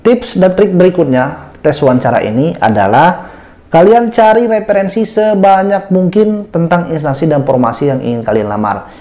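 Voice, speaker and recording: A man's voice: a little high, animated, normal speed, dark tone. A man giving a casual spoken lesson on job interview tips, talking straight to his viewers step by step with frequent "eh" fillers.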